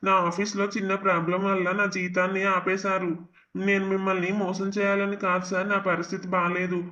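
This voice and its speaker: A pleading young husband. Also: male voice, sits high, monotone, fairly quick, bright, forceful tone, lo-fi sound. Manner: pleading, polite. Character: humble, desperate young husband. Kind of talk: animated cartoon voice acting.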